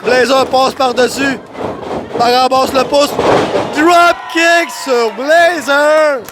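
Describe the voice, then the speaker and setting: A man giving live play-by-play as a wrestling commentator, excited and exclamatory, often shouting. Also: extremely high pitch, slow. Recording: noisy crowded venue, loud crowd behind. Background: crowd and event noise.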